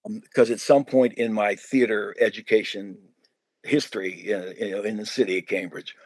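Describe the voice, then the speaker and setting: A man's voice: lowish voice, steady tone, moderate pace, darkish tone, slightly rough, no echo. A man in a casual podcast conversation, telling stories animatedly, laughing often and acting out his own past thoughts. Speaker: former high school theater director, podcast guest.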